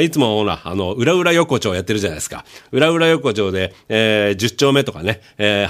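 A man hosting a casual request show, chatting in a friendly way and filling pauses with drawn-out hesitations. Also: mid-range voice, a bit bright. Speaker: radio-style show host. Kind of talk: casual chat reading listener requests.

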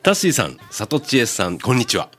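A middle-aged man hosts a casual radio chat, his voice swinging up and down as he teases and laughs. He reads listener letters aloud with quick jokes. Soft music plays low behind him. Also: breathy edge. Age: 50s. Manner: jokey, laughs often, lively teasing. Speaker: radio host.

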